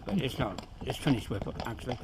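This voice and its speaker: Older man, sixties, mid-pitched casual interviewee, light background noise. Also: very animated, brisk. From southern England. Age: 60s. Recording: faint outdoor noise.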